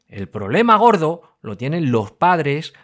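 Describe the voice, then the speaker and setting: A man's voice: fairly high pitch, slow pace. Exasperated man ranting. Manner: exasperated, animated, swings from loud outbursts to muttered asides. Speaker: podcast host. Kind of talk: casual ranting monologue.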